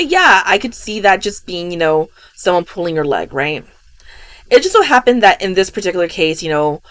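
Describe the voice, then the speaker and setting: A woman's voice: fairly low pitch, a bit bright, dry recording. A woman podcast host retelling a strange case in a loose, casual way, full of "you know" and "um". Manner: rambling, filled with "you know" and "um". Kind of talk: casual true-story retelling.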